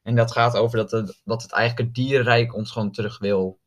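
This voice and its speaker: A young man chatting casually as a podcast co-host, halting with many fillers and restarts. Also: medium pitch, flat delivery. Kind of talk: casual chat.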